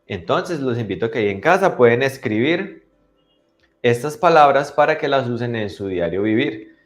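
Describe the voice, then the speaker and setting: Man teaching with a lively voice. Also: medium pitch, faint music behind. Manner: teacherly, asks for agreement after each point; drills pronunciation slowly and clearly. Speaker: English teacher. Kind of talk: bilingual online class for children.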